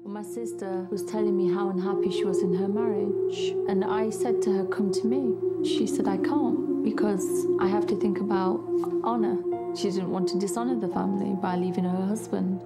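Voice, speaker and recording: A woman telling a family story plainly and quietly as testimony in a documentary trailer. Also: medium pitch, steady tone, moderate pace. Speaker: documentary interviewee. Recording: film trailer clip with loud music. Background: loud music.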